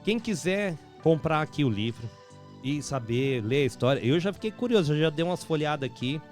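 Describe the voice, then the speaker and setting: A man's voice: a little high, expressive, a little fast, a little mellow, soft background music. A Brazilian man hosting a radio talk show in a studio, casual and informal. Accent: Brazilian Portuguese. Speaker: radio host.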